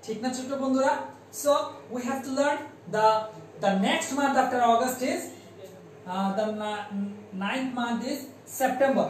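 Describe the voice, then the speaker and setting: A woman teacher from Bangladesh with a Bangladeshi English accent, giving a classroom pronunciation lesson and slowly repeating and spelling out words for drilling. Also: sits high. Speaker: primary school teacher. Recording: very echoey room, distant mic, faint noise.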